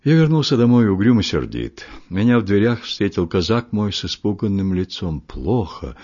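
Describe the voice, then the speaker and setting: A man reading a literary story aloud in a measured, expressive storytelling manner, his voice husky. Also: fairly low pitch. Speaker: audiobook reader. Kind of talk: literary audiobook narration. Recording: muffled lo-fi recording.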